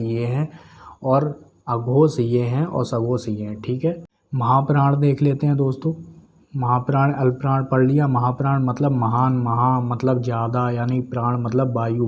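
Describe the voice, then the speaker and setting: Man, teacher, mellow warm voice, step-by-step explaining, repeats terms, drills syllables, faint background hiss. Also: mid-range voice. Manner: explains step by step, often adds "okay friends". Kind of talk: exam-prep grammar lesson.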